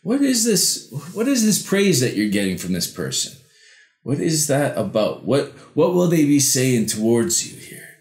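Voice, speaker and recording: A man giving an improvised mystical horoscope reading as a tarot reader, halting and repeating words as he interprets. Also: mid-range voice, big pitch swings, a little mellow. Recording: roomy echo.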